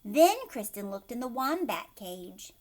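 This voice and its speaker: At a medium pitch and an unhurried pace, a female teacher reads a children's story aloud. She is expressive and talks straight to the young listeners.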